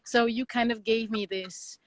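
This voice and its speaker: A woman from Lebanon, a guest designer, speaking in casual interview chat, thoughtful and halting with many restarts. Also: on the high side, fairly even intonation, dry recording, low-quality recording.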